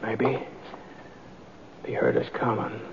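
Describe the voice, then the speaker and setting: Through the clicks and muffled noise of an old radio recording, the lead actor of a 1940s-50s western narrates as a seasoned, easygoing lawman and tracker. His fairly low, level voice sounds hushed and wary, delivered in a hesitant, folksy drawl with murmured asides.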